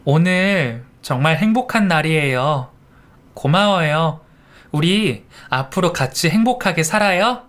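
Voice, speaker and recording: A man voicing a gentle young wife in a Korean radio drama, speaking softly and politely. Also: a little high, lively intonation, unhurried. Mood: tender.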